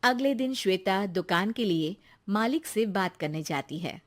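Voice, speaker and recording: A woman giving scripted narration for an animated bedtime story, in an even, plain storytelling manner. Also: mid-range voice, measured pace.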